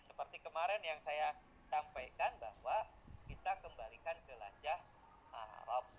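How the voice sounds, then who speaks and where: A middle-aged man lectures informally, reviewing his trainees' teaching in a conversational, chatty way. His voice sits a little on the high side, and he peppers his talk with tag words and brief hesitations. A faint hiss runs underneath. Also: lively intonation, moderate pace, rough recording.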